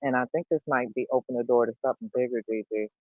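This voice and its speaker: A hushed woman calling in over a Bluetooth headset, her voice muffled as if it comes through a wall. The line is thin and phone-like, with a dry, close sound and no room around it. She talks low and careful, as if keeping quiet at work. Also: fast talker, no echo. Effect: muffled voice, as if heard through a wall. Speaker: call-in guest on a live talk stream. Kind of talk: casual call-in chat. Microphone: Bluetooth headset on a phone call.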